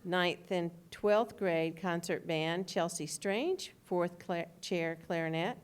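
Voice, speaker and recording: A woman's voice: on the low side, a little hiss or hum. Woman reading award names. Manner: measured, careful name reading. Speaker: school official presenting awards. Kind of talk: reading names at a board meeting. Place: school board meeting room.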